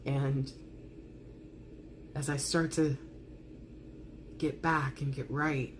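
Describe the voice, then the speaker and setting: A woman giving a soft ASMR tarot love letter reading, speaking intimately and earnestly, with dramatic pauses. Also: very deep voice, level tone, a little hiss or hum.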